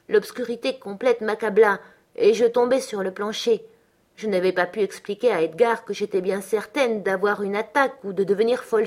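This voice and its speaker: A woman's voice: medium pitch, darkish tone, close to an everyday voice. A woman voicing a delirious, frightened young woman in an audiobook, anxious and pleading. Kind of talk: audiobook character reading.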